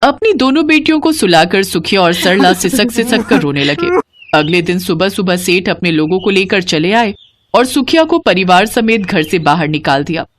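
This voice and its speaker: A woman narrating a scripted children's moral story in an expressive storytelling manner. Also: medium pitch, normal speed.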